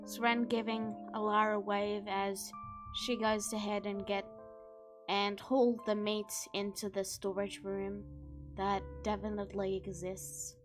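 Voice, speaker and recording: A woman narrating a tabletop game as game master in a calm, unhurried way. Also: medium pitch, over music.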